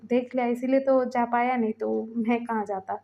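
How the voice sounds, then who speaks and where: A woman reading the lines of a calm young male doctor, in a fan fiction reading. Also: on the high side, normal speed, highs cut off, lightly acted.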